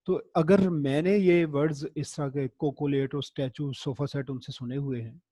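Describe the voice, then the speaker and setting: A man's voice: fairly high pitch, steady tone, normal speed, mellow, no echo. A middle-aged man, giving a recorded lecture in a conversational, encouraging way and telling anecdotes. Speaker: teacher.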